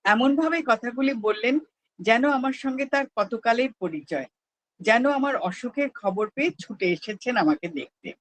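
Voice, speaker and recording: A calm, measured memoir reader. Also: medium pitch, poor audio. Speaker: reader at a prayer gathering. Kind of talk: reading a memoir aloud.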